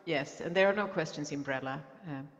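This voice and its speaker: A woman's voice: deep voice, brisk, highs cut off. Enthusiastic woman speaking in a reverberant hall. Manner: enthusiastic with hesitant fillers. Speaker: panelist. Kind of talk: conference panel remarks.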